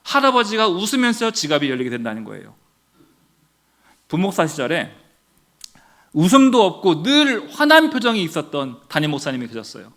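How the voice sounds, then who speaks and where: A male pastor from Daejeon preaching a sermon, telling stories to his congregation with animated delivery. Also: high voice, brisk, pauses often. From Daejeon, Korea. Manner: animated storytelling, addressing the congregation.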